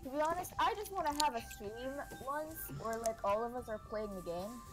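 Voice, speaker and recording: A woman bantering on a game stream with friends, loud, crude and joking. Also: a little high, brisk.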